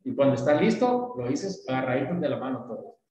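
A man's voice: mid-range voice, sing-song, brisk, dark tone, very echoey, highs cut off. A man from Latin America teaching an English lesson, explaining patiently with images and asking questions.

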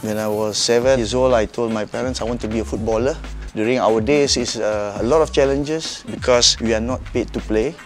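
A man's voice: medium pitch, fairly even intonation, fairly quick, hardly any pauses, faint music behind. A middle-aged man from Singapore with a Singaporean English accent, a football coach talking casually and directly about his career. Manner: plain, direct, with local fillers.

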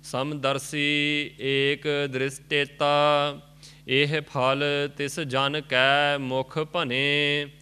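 A man recites scripture in a slow, drawn-out chant, line by line. His voice is bright and very clear, with a higher pitch than most men. The melody stays narrow and even. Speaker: student reciter.

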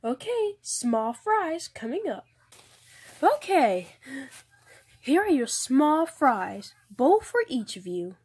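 A woman voicing a cheerful, bumbling female pony working a fast-food counter in a doll play, bubbly and apologetic. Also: high-pitched, sing-song, darkish tone, heavily acted.

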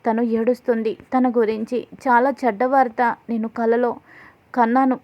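A kind young daughter-in-law from a family drama retelling speaks with worried respect, read out by a woman. Her voice is fairly high and even. The audio sounds slightly dull. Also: moderate pace, lightly acted.

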